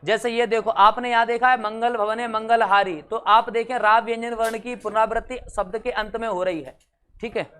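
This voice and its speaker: Smooth-voiced male teacher. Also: high-pitched, steady tone, bright, forceful tone. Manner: explains patiently, reads verse examples slowly. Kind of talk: classroom lesson.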